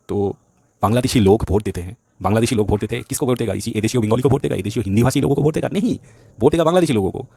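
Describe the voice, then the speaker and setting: There's no room sound as a West Bengal vlogger, a man with a fairly low, creaky, mellow and slightly rough voice, rails in Hindi on politics. Heated and repetitive, he keeps using the phrase "bhai sahab."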